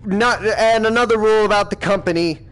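A man with a high voice plays a bossy villain in a comedic game session. He keeps a mock-stern, exasperated tone, scolding his crew. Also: a little fast, fairly bright tone. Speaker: gamer playing a villain boss. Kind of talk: comedic gaming role-play.

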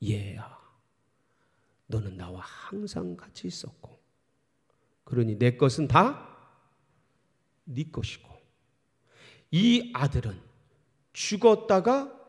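A male pastor voicing an old father who forgives his sons, giving orders with joy and speaking gently. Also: sits high, breathy edge, voice pushed up, heavily acted. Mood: tender. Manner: commanding, then tender. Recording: long church hall reverb.

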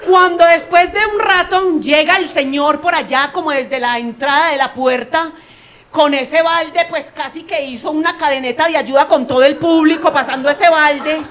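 A woman's voice: high voice, normal speed, fairly bright tone. A young adult woman with a Colombian accent telling a stand-up story, acting out the quoted voices and laughing as she goes. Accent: Colombian Spanish. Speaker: stand-up comedian.

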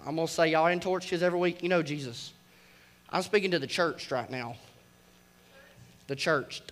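A young man preaches to a kids' service in a loose, slangy way, tossing in goofy sound effects. His voice sits fairly high and comes across bright and forceful. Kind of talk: youth sermon.

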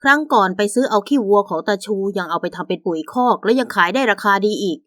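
A woman voicing a soft-hearted young village husband in a radio story, talking in a gentle, coaxing way. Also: mid-range voice, expressive, fast, dry recording, clean studio sound, lightly acted. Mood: fond.

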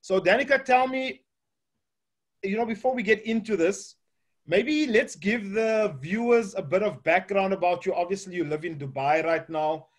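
A man's voice: high voice, moderate pace. A man hosting an interview over a video call from his home office, chatty and full of "uh, you know". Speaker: host. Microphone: webcam on video call.

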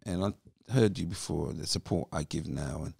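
A man, a podcast guest telling his story in a lively, animated way. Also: a bass voice, moderate pace, vocal fry, slightly rough, dry recording, clean studio sound. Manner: animated storyteller who acts out voices. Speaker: podcast guest, former footballer. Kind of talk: casual interview storytelling.

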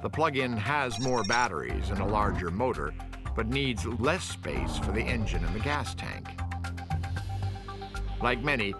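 Male doc narrator, deeper voice, expressive, measured and informative. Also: loud music behind the voice. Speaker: documentary narrator. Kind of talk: scripted narration.

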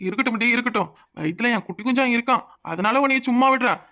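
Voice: medium pitch, fast talker, pushed and bright. A performer voicing a boastful, doting young village husband and strong laborer in a cartoon, speaking with a southern Tamil accent in a swaggering, playful, protective way. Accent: southern Tamil (Tirunelveli). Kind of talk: cartoon voice acting.

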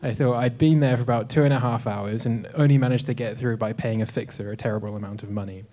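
A young man from South Africa stands with a handheld microphone and tells his story to a live audience. His pitch sits in the middle for a man. He keeps it relaxed and self-deprecating and often stops to say "um". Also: fast. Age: 20s. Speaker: speaker at a live talk event. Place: dim lecture hall with a projector screen.

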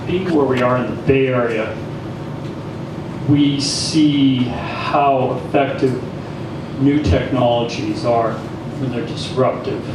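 A middle-aged audience member making an assertive, argumentative comment into a handheld mic. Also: male voice, mid-range voice, steady tone, takes it slowly. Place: small cafe gallery with audience. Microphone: handheld mic, far camera. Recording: echoey room from far off, noisy.

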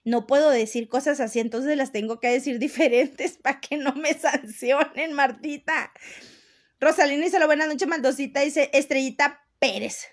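A Mexican woman with a high, bright-sounding voice hosts a casual live stream. She reads viewer comments aloud, teases her audience and laughs a lot between lines. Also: moderate pace. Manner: chatty, laughs often, teasing.

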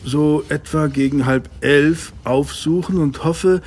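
An actor playing a good-natured, flustered gentleman doctor, earnest and loyal, in a German audio drama. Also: a little high, slow. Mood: reading aloud. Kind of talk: German radio-play acting.

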